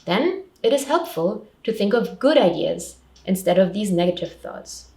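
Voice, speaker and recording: This woman's mid-range voice is very animated and darkish, at a normal pace. Playing a support counsellor in a scripted public information talk, she breaks simple advice into clear steps and short sentences. There's a roomy echo and the mic sounds far away.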